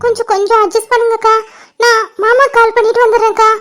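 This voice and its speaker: An anxious, caring young girl, played by a woman who hurries to calm and reassure. Her cartoon voice is very high and held to a flat, even tune. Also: fast. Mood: anxious soothing. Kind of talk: cartoon voice acting.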